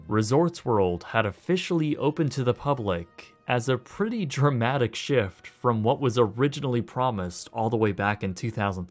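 Wry male documentary narrator. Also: mid-range voice. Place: voice-over, recorded separately from footage.

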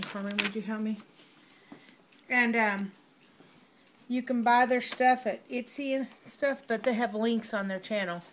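A middle-aged woman, chatting warmly through an unboxing, gushing over each item and calling viewers y'all. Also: on the high side. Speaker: vlogger unboxing a mail order. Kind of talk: casual unboxing chat. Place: home. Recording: noisy home recording with crinkling packaging.

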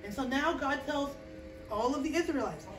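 A middle-aged woman teaching children in a small indoor classroom, telling a Bible story with lively acting and frequent "okay?" check-ins. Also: sits high, normal speed, faint music behind. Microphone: far camera, no visible mic. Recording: roomy echo, distant camera.

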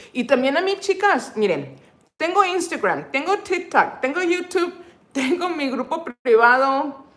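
With a mid-range voice, a middle-aged woman leads her cooking channel's livestream in an easygoing, talkative style. She laughs frequently and switches into English phrases here and there.

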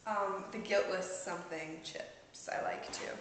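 Speaking at a relaxed pace, this cooking vlog host has a fairly low, steady voice with a slight brightness. She's a chatty, giggly woman in her thirties filming a casual video in her big home kitchen, where a camera mic placed across the room catches echo and hiss.

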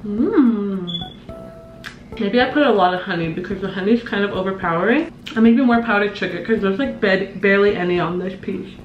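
Her mid-range voice moves briskly as this young woman vlogger cooks in a small home kitchen, chatting in a bubbly, self-mocking way for a casual cooking vlog. A camera on the counter captures her. The sound is roomy and dull, with faint music underneath.

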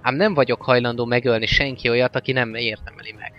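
A man voicing a proud, resolute young male orc, speaking in a firm, measured way, on a slightly dull recording with faint music. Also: mid-range voice, fairly even intonation, close to an everyday voice.

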